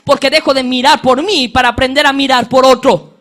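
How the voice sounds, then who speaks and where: High-pitched man, pastor preaching, bright tone. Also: fairly even intonation, fairly quick. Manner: storytelling preacher, acting out dialogue. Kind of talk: sermon.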